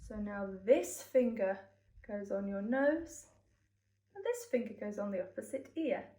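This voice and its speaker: An English woman music teacher giving cheerful, encouraging warm-up instructions to children. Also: medium pitch, animated, a little slow. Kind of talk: children's vocal warm-up lesson. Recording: echoey room, mic at a distance.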